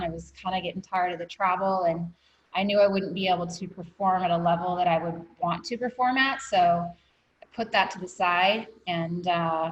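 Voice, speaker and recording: A woman's voice: fairly low pitch, highs cut off. Candid woman telling her life story. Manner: candid, many ums, gets choked up. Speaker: interview guest. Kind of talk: reflective personal storytelling.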